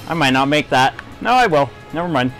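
A gamer narrates his playthrough with casual, light commentary, muttering offhand reactions and mild exclamations over video game music. His voice is on the high side, expressive, a little fast, and slightly bright.

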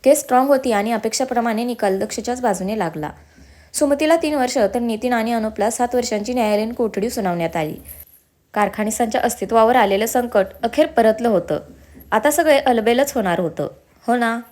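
A woman narrating a serialized family drama story with expressive storytelling. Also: fairly high pitch, brisk.

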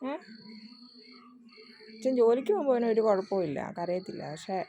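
A woman's voice: mid-range voice, lively intonation, moderate pace, warm tone, slight background noise. A woman soothing and coaxing her crying pet dog in a home vlog. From Kerala, India. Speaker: pet vlogger.

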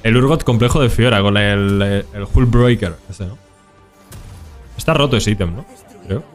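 A man's voice: lowish voice, normal speed, soft background music. A young man with a Spain Spanish accent, commenting casually on his gameplay and chatting with viewers in slang. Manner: casual and slangy, talks to chat. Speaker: streamer.

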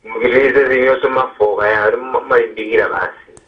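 A man's voice: medium pitch, fairly even intonation, a little fast. A man calling in to a show, chatting casually over a phone line. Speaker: phone-in caller. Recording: dull, narrow phone line.

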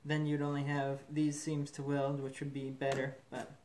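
A man in a metal fabrication shop, talking through a build in a relaxed way and thinking aloud with fillers, recorded on the camera mic from above the bench. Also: a little high, normal speed, a little hiss or hum. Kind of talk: casual shop demonstration. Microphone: camera mic, speaker off-frame above the bench.

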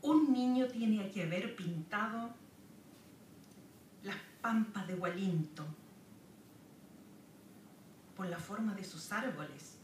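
Standing at a podium, a Chilean woman poet from the country's south recites verse at an unhurried, measured pace, with a pause between lines and the occasional aside. A camera far across the wood-paneled room catches her mid-range voice distantly, along with a roomy echo and audible hiss.

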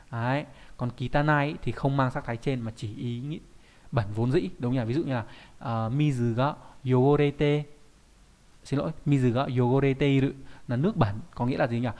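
A man's voice: medium pitch, darkish tone. A man teaching a recorded online lesson, explaining step by step and often adding little checking questions.

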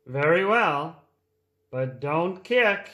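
A man reading as a calm, firm boat owner. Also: a little high, reverberant, full character voice. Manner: slow, measured, setting gentle rules.

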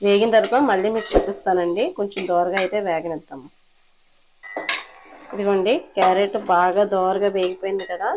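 A woman's voice: medium pitch, fairly even intonation, a little fast, background noise. Chatty woman narrating home cooking. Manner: chatty, politely addressing viewers. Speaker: cooking vlogger. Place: home kitchen.

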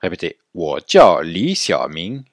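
A man teaching a language lesson, explaining clearly and slowing right down to model words for students to repeat. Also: deep voice, wildly swooping pitch, no room sound, clean studio sound. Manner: clear didactic explaining, slow drawn-out model pronunciations for repetition.

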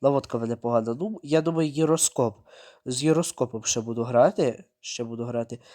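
A man giving running gameplay commentary, narrating his own moves, repeating words and breaking into sudden excited outbursts. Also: medium pitch, fast. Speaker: mobile game streamer.

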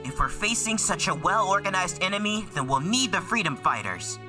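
A woman's voice: medium pitch, very animated, fairly quick, over music, close to an everyday voice. A woman voicing an earnest, suspicious young male hedgehog time traveler in a comic dub. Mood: urgent, suspicious. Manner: blunt, urgent, easily flustered.

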